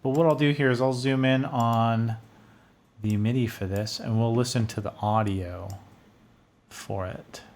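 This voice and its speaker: In an unhurried, mid-range voice with a darkish tone and fairly even intonation, a middle-aged video host and music producer gives informal, rambling screen-share commentary. The setting is a small home studio indoors, his voice caught close by a studio condenser on a boom arm.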